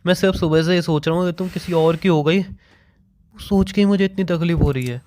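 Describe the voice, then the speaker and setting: A man's voice: on the high side, fairly even intonation, a little fast, darkish tone. A young man, pleading and arguing heatedly with his partner in a prank vlog, close to tears. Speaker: boyfriend in a prank video. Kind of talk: emotional couple prank vlog.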